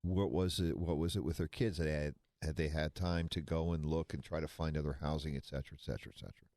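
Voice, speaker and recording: A man's voice: a bass voice, steady tone, quick pace, warm tone, no echo, studio quality. A man in his sixties co-hosting a financial talk show, chatting casually with folksy, rambling asides. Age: 60s. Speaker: financial radio show co-host. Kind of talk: casual talk radio chat.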